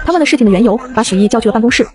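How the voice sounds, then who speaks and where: Woman reading a web novel out loud, slightly high voice, rattles through it super fast. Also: expressive, a crowd in the background. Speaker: story narrator. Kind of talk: scripted web novel narration.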